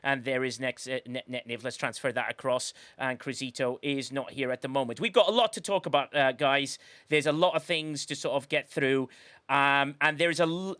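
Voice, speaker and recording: A man hosts a casual live podcast, talking in an effusive, rambling way with many restarts. His voice sits at a middle pitch. The sound is dry and close. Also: sharp tone, no room sound. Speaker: podcast host. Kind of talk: casual live-stream chat.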